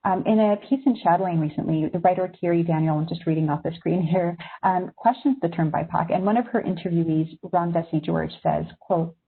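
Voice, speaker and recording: Speaking fairly quickly with hardly any pauses, a woman uses a husky, slightly low voice over thin, phone-like video-call audio. She grew up in Syria and is a magazine editor, giving journalism students a thoughtful, reflective webinar talk and carefully weighing each point.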